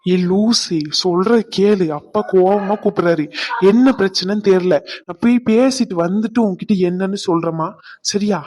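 Young man on a phone call with his girlfriend, VO, hurried, warm-hearted. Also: mid-range voice, natural voice. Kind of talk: cartoon dubbing.

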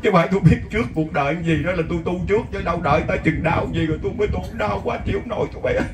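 A man with a Southern Vietnamese accent voicing a sick, regretful rich old man in a rushed, pleading lament. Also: high voice, background noise. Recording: echoey, distant mic.

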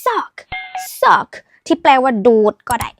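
A woman's voice: very high voice, very animated, quick pace, gravelly, a little mellow, soft background music. A woman teaching a playful language lesson, teasing and mixing in English phrases. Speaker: language tips host.

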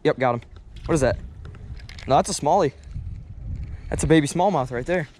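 A young man chatting excitedly while fishing on a rocky riverbank, talking to each fish as he unhooks it, recorded on a head-mounted camera outdoors. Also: fairly high pitch, normal speed, slight background noise. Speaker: fishing vlogger. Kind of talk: casual fishing vlog commentary. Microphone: head-mounted action camera.

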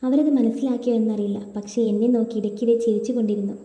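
A woman reads a first-person story in a steady, even way. Her voice is very dark and mellow and a little high. The recording rings in a roomy space with a long reverb tail. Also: quick pace. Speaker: story narrator.

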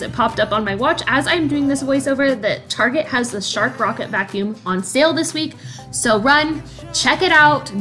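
A woman's voice: a little high, fairly bright tone. A woman in her thirties narrating a cleaning vlog in a chatty, enthusiastic voice-over, laughing now and then. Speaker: cleaning vlogger. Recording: faint background music.

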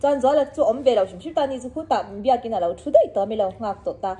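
Chatty young woman, higher voice. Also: expressive, racing, dark tone. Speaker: vlogger, half of a married couple. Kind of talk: casual chat.

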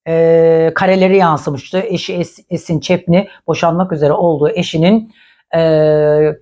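A woman's voice: deep voice, a little mellow. Brief: woman gossip host, blunt and scolding, casual commentary.

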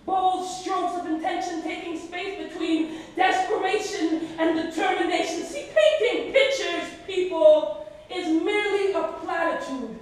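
A woman's voice: very high-pitched, a little slow. A woman with a Canadian accent performing spoken word poetry at a slam, with a rhythmic, emphatic delivery that surges in intensity. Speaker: slam poet. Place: art gallery with seated audience, indoors. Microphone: far camera at the back of the room. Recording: echoey gallery from far off.

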